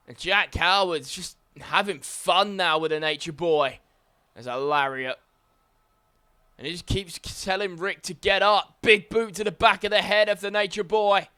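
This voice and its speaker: A man with a slightly high voice delivers excited play-by-play over a wrestling video game, calling each move as it happens with frequent exclamations.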